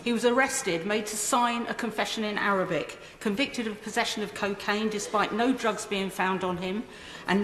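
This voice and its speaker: A woman's voice: medium pitch, a bit bright, a little hiss or hum. Woman speaking in an echoing hall. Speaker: member of parliament. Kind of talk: formal prepared parliamentary question. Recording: echoey hall with long reverb.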